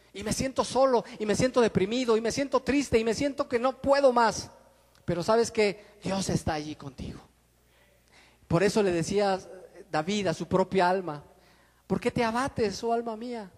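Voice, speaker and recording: A middle-aged man preaching a sermon, swinging between loud and soft and calling his listeners brother. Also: sits high, long reverb tail. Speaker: pastor. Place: church.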